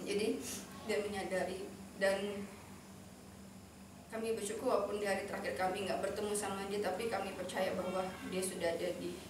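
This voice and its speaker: A woman's voice: medium pitch, little pitch movement, moderate pace, long pauses. A woman giving an earnest personal testimony to a church congregation. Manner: earnest, heartfelt storytelling. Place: church hall. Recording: echoey hall, mic far off, noisy.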